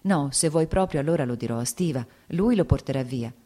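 A woman voicing Dolly, an agitated aristocratic mother in a read-aloud novel, scolding and quick to emotion. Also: deep voice, expressive, warm tone. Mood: confiding.

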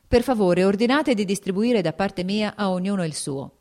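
A woman voicing a calm, successful young male general who speaks in an easy, assured way. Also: medium pitch, moderate pace, pitched above the performer's own voice, close to an everyday voice. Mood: friendly.

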